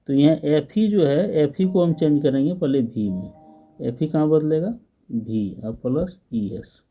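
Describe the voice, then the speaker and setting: A man's voice: a little high, mellow. A man teaching English grammar, spelling out each word letter by letter and asking questions as he goes. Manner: patient, spells letters slowly and asks the class questions. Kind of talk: slow grammar lesson, spelling out words.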